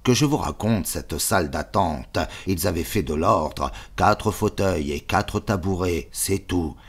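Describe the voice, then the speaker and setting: A man reading a novel aloud in measured, choppy literary phrases. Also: deep voice. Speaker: audiobook narrator.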